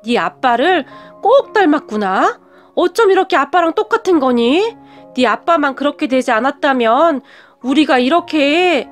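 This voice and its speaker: A destitute mother begs, her high voice slow and tearful, as a woman reads her part in a storybook narration. She sounds pleading and worn down. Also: lively intonation, soft background music. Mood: wistful. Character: destitute pleading middle-aged birth mother.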